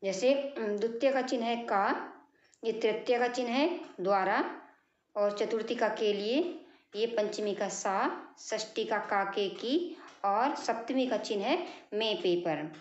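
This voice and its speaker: High-voiced woman teaching a lesson. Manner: explains slowly with repetition and questions to pupils. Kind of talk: classroom grammar lesson. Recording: echoey room, dull lo-fi sound.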